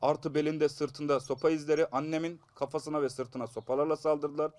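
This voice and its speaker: Giving a statement as an assault victim, a congested-sounding man in his thirties pleads his case to a news interviewer in an urgent, aggrieved way. His voice is fairly high and a little mellow, with little pitch movement at a moderate pace, recorded dry.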